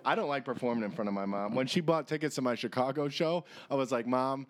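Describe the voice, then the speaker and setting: A man's voice: mid-range voice, fast. A young man co-hosting a comedy podcast, telling crude stories in casual banter and acting out voices in his anecdotes. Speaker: podcast co-host.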